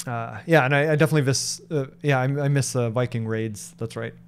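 A Norwegian man in his thirties answers viewer questions during a casual live stream, speaking in a thoughtful, halting way full of fillers and restarts. His mid-range voice goes into a large microphone on the desk in front of him in a home office, with slight background noise.

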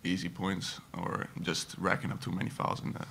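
A young man, a college basketball player, answering press conference questions in a halting way with many fillers and restarts, into a table microphone. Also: deep voice, monotone, gravelly, a bit bright, slight background noise. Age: young adult.

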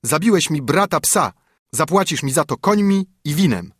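A man doing a shrill vengeful little sparrow. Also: wildly swooping pitch, normal speed, fairly bright tone, breathy edge, no echo, studio quality, exaggerated voice. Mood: threatening. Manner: shrill, taunting. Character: small fierce vengeful male sparrow. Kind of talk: storybook reading.

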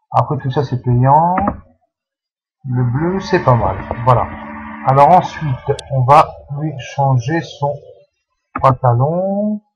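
Slow, hesitant man walking through a game. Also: medium pitch, creaky, lo-fi sound. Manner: hesitant, full of fillers and restarts. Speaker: channel host explaining a game. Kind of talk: casual screen-recorded game tutorial.

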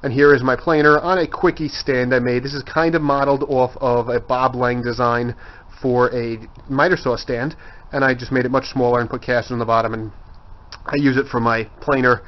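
A man's voice: medium pitch, level tone, fairly quick. Man, 30s, woodshop vlogger; chatty walkthrough, on-camera mic, dull lo-fi audio. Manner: chatty, points things out as he walks. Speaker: woodworker giving a shop tour. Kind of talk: casual handheld walkthrough. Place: cluttered home woodshop, indoors. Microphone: handheld camera mic.

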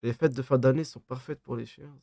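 A man's voice: medium pitch, steady tone, brisk, gravelly, mellow, no room sound. Young man with a lisp, dry close sound. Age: 20s. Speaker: live streamer. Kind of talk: casual livestream chat, reading and answering viewer comments. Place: small dim room at a desk.

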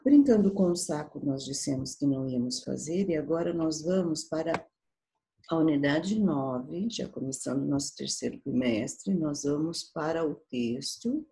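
A Brazilian woman teaching young children, stretching each syllable as she goes. Her voice sits low and mellow, with a gravelly, husky edge. She talks slowly and patiently. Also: rough recording. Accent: Brazilian Portuguese. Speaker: primary school teacher. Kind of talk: slow, patient remote class lesson.

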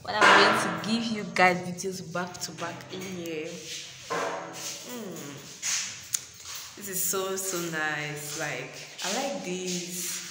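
A woman from Cameroon gushes through a slow, low-pitched house-tour vlog, filmed on a low-quality old phone. The sound is hissy and noisy, bouncing around bare, echoey rooms. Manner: gushing, exclaims wow and oh my god. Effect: low-quality old phone recording. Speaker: vlogger. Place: empty newly tiled rooms of a house, indoors. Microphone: handheld old phone.

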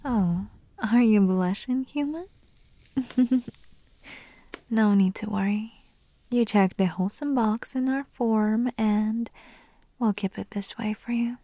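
A woman voicing a playful, teasing witch matchmaker in an ASMR roleplay, whispering softly and giggling. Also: a little high, slow, pauses often, dry recording.

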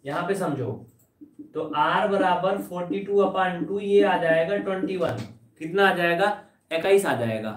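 Hindi maths teacher in an echoey room. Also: male voice, high voice, far from the mic. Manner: teasing, addresses students as children, coaxing answers. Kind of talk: live online maths class. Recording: roomy echo, voice from off the mic.

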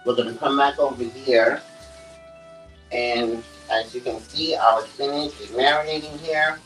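Soft music plays behind this young male cooking vlogger, whose mid-range, slightly bright voice stays fairly even and unhurried. Chatting casually to his viewers with frequent "okay" and "guys," he demonstrates a recipe in a small home kitchen. The camera sits on the counter at a distance, giving an echoey, far-off sound.

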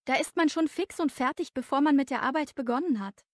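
A woman's voice: sits high, fairly quick, no echo, studio quality. A woman reading a coworker's lines in a scripted lesson dialogue, friendly and chatty. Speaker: office worker in a dialogue.

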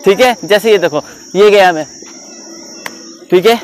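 A man's voice: high-pitched, measured pace, slight background noise, rough recording. A male cricket coach giving an outdoor fielding demonstration to a group of students. He explains step by step and keeps checking whether they have understood. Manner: instructive, repeatedly checks understanding.

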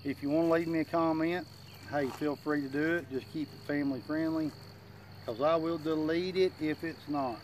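A man with a rather high voice speaks in a drawl, a little muffled by chewing tobacco in his lip. He gives folksy, plain-spoken advice as a channel host. Faint outdoor nature noise sits behind him. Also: steady tone, normal speed, a little mellow. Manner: plain-spoken, self-deprecating country talk. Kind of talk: casual, folksy advice talk to camera. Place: outdoors in a wooded yard. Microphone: camera a few feet away.

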